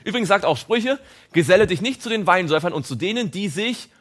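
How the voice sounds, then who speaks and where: Animated man preaching a sermon. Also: high voice, quick pace. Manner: animated, asks audience questions.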